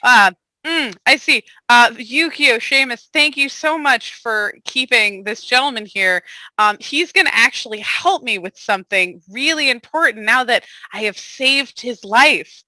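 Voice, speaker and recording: Bright-voiced chatty young woman. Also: on the high side, measured pace, no echo, low-quality recording. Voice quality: lively, chatty, many fillers. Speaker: player. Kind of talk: tabletop role-play, casual chat.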